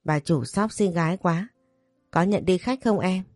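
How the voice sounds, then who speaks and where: A woman's voice: on the low side, measured pace, darkish tone, dry recording, clean studio sound, soft background music. Woman voicing a smarmy scheming young man. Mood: teasing.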